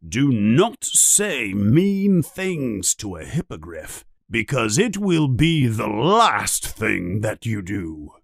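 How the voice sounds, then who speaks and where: A man reading the lines of a big, kindly male giant teacher, who gives slow, coaxing instructions. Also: lowish voice, very animated, gravelly, no room sound, clean studio sound, full character voice. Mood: instructing.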